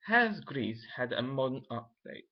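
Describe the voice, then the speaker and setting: A young man chatting casually to his camera, wandering from thought to thought and restarting his sentences as he goes. His voice sits at an ordinary middle pitch, and the recording has a dull, lo-fi home sound. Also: sing-song, unhurried. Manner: rambling, thinking aloud with many restarts. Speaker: vlogger. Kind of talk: casual vlog chat.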